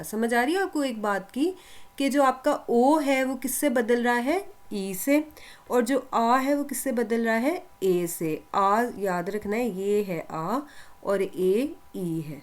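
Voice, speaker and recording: A woman's voice: a little high, darkish tone. A woman teaching a language lesson step by step, asking questions and answering them herself, repeating key points and reassuring her students. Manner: reassuring, encouraging.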